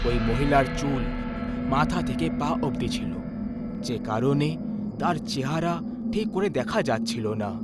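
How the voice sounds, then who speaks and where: A man calmly narrating a horror story in a measured storytelling voice. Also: fairly high pitch.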